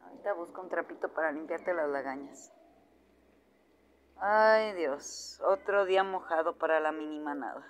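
A woman's voice: low voice, moderate pace, slight background noise. A woman, vlogging in her outdoor dog yard, cooing at and scolding her dogs, then grumbling to the camera. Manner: coos and scolds dogs in a raised voice, grumbles aside. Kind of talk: casual vlog talk.

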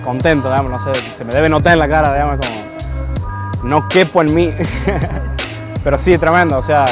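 A man's voice: fairly high pitch, moderate pace, music in the background. A man in his twenties from Tucumán with an Argentine accent, talking casually and hesitantly in an interview, often repeating words. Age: 20s. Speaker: freestyle rapper interviewed.

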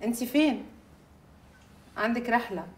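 An actress playing a jealous young newlywed bride, speaking Egyptian Arabic in a film drama. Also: female voice, on the high side, lively intonation, unhurried. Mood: teasing. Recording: film soundtrack with music behind.

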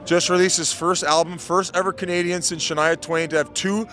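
A man's voice: high voice, level tone, fairly quick, fairly bright tone. Teasing man hosting a street interview. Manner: teasing, joking banter. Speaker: host. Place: outdoors on a city street. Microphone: handheld mic.

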